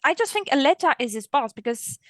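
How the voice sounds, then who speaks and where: A woman's voice: sits high, very animated, a little fast. A woman chatting casually as a player in a tabletop role-playing game.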